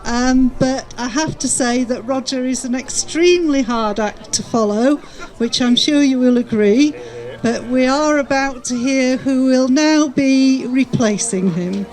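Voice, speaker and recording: A woman with a high voice addresses the public as a mayor. Her delivery is formal, measured and courteous. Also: darkish tone.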